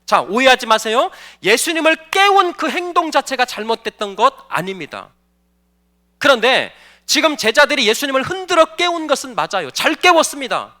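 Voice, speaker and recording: Male pastor in a church, very high bright voice with lively pitch swings, emphatic sermon delivery. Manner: emphatic preaching, asks the congregation questions. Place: church sanctuary.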